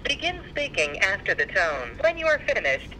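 A man's voice giving recorded answering machine instructions through a phone system, measured and formal. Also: high voice, wildly swooping pitch, pushed and bright, slight background noise, rough recording.

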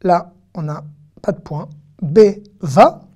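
Mellow-voiced woman teaching a language lesson. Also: fairly low pitch, animated. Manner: repeats each word slowly and clearly, then explains. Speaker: Hebrew teacher.

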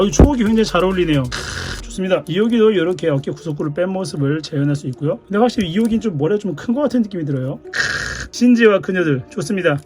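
A man reviewing a collectible figure hands-on, chatty and quick, with little pleased exclamations as he shows each part. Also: high voice, darkish tone. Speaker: toy reviewer.

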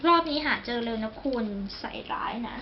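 A young woman doing a casual makeup tutorial, chatty and exclamatory, joking at her own expense and talking straight to her viewers. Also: brisk. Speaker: beauty vlogger. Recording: slightly dull recording with faint background noise.

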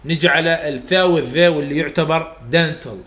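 Iraqi male lecturer, patient step-by-step explainer, fairly high voice, echoey classroom sound. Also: steady tone, quick pace, a bit bright. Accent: Iraqi Arabic. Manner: explains step by step, repeats sounds aloud for students to copy. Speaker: university English phonetics teacher. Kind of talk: recorded lecture for students.

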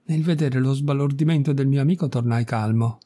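A man reading a classic short story aloud as an audiobook narrator, in a measured, expressive storytelling manner. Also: medium pitch. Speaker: audiobook reader.

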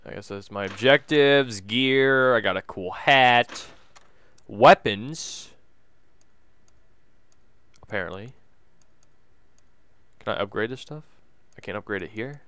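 A man's voice: medium pitch, slow, pauses often, a bit bright, smooth, no room sound. A young man casually commenting on a video game, reading menus aloud and cracking jokes. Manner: goofy, jokey, mutters menus aloud, bursts into silly voices. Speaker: gameplay commentator.

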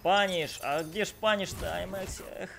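Male esports caster over loud game music. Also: high-pitched, moderate pace, vocal fry. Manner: slangy, exclamatory, repeats phrases for emphasis. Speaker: esports commentator. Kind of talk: live fighting game commentary. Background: fighting game music and sound.

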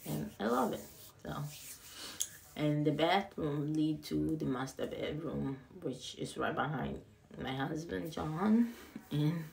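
Woman, young adult, low pitch, vocal fry, excited, rambling, phone-camera house tour in empty rooms. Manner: excited, rambling, repeats words. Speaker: vlogger giving a house tour. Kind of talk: casual home tour narration. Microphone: handheld phone camera, filming.

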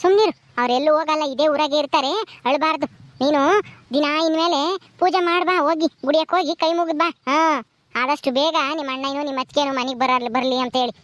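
A woman voicing a kind, patient sister-in-law in a cartoon, speaking gently and comfortingly. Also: high-pitched, fairly even intonation, fast talker, dry recording, lightly acted.

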